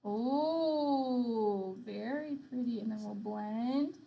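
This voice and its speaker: A woman's voice: on the high side, extremely slow, vocal fry, mellow. A young woman hosting a casual chat, laughing often and explaining makeup steps as she works. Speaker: host doing makeup.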